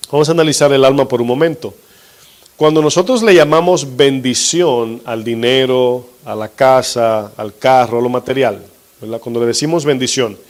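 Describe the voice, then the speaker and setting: A male pastor with a mid-pitched voice gives a steady teaching sermon, putting questions to the congregation. He slows down to emphasize scripture.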